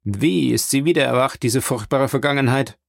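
A man's voice: mid-range voice, normal speed, creaky, dry recording, clean studio sound, natural voice. Man reading a grim, tormented prosecutor. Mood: somber. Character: grim, tormented male state prosecutor, older nobleman. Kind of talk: audiobook character reading.

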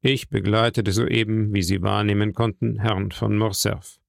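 A man's voice: on the low side, little pitch movement, unhurried, creaky, dry recording, studio quality. A man voicing a formal male journalist who asks politely but insistently for an explanation.

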